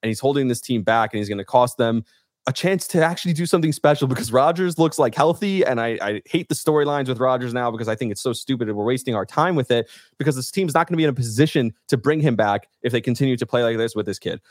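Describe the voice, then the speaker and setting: A man's voice: medium pitch, fast talker, dry recording, clean studio sound. A man hosting a sports podcast, ranting heatedly and swearing in frustration. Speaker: podcast host.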